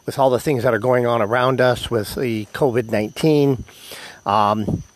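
An American man hosting a solo podcast, speaking haltingly with many ums and whistling slightly on his words because of missing teeth. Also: medium pitch, steady tone, a little hiss or hum. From United States. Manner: halting, filled with ums and pauses. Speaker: podcast host. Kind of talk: solo podcast announcements to listeners.

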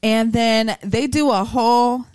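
A woman's voice: on the high side, measured pace, clean tone, dry recording. Chatty woman podcast host, dry sound. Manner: animated, chatty storyteller with frequent laughs and profanity. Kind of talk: casual chat.

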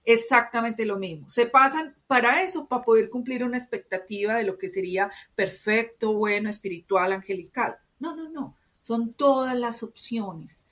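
A woman from Medellín with a Colombian paisa accent, speaking as an interview guest and explaining in an expressive, conversational way that often checks in with tag questions. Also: on the high side, normal speed, few pauses. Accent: Colombian paisa (Antioquia).

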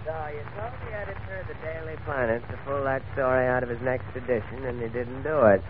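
A man's voice: medium pitch, brisk, close to an everyday voice. Man acting a laconic young gangster henchman, tinny sound. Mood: cynical, needling. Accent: American. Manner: wry, laconic, casual. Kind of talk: 1940s radio acting. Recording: narrow, noisy old radio recording.

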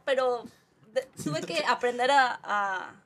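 Easygoing female guest from Mexico, dry wit, slightly high voice. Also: takes it slowly, a bit bright. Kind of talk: casual chat.

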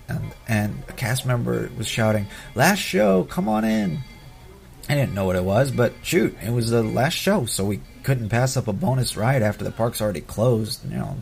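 A man's voice: fairly low pitch, moderate pace, gravelly, a little mellow. A middle-aged man telling personal stories as an audio host, in a casual, sentimental way. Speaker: podcast host narrating family trip memories.

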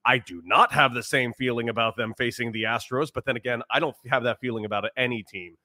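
A man's voice: medium pitch, steady tone, fast talker, pushed and bright, dry recording, studio quality. A man hosting a sports podcast in casual chat, speaking in an emphatic, opinionated way.

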